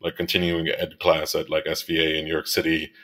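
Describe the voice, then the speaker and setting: Deep-voiced guy from miami in his 30s, photographer, chatty and rambly, lots of um and you know. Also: monotone, a little fast, fairly bright tone. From Miami, United States. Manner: rambling, many fillers and restarts, laughs easily. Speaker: guest, commercial photographer and director. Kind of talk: casual interview conversation.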